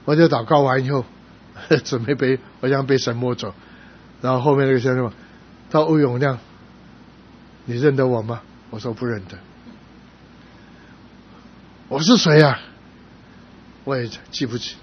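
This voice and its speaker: A middle-aged male pastor preaching a sermon, telling stories with sudden loud emphatic rises. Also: mid-range voice, steady tone, brisk, pauses often. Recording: slightly dull sound with faint noise.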